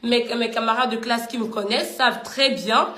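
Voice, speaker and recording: Woman, Cameroonian accent, indignant vlog rant, bright high voice, echoey room. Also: fairly even intonation, moderate pace. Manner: indignant, combative, repeats herself. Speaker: vlogger. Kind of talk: heated commentary rant.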